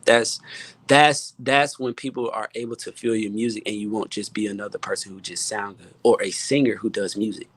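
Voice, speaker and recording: A man who works as a music producer speaks as a panel guest in an impassioned, preacher-like way, earnest and emphatic, repeating phrases for weight. His voice is on the low side, husky and a bit bright, with fairly even intonation and a brisk pace. There's no room sound.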